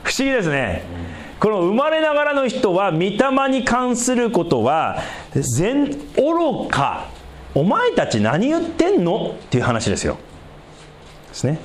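A man preaching a sermon in an animated way, with chuckles along the way. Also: a little slow. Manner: animated preaching with big pitch swings and light laughter. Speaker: pastor.

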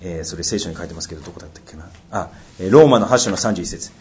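A man preaching a sermon as pastor. He asks rhetorical questions and swings from loud emphasis to near-whispers. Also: low-pitched, lively intonation, racing.

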